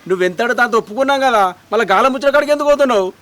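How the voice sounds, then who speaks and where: Man doing a telangana village dad, high-ish voice, talks really fast, echoey room. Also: pushed and bright. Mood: reproachful. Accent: Telangana Telugu. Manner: reproachful, pleading.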